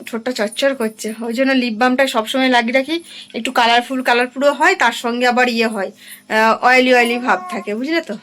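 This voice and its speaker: A woman in her thirties with a Bengali accent, chatting casually in a home vlog about her evening. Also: fairly high pitch. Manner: chatty, drawn-out, softly spoken at times. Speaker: vlogger. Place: home at night.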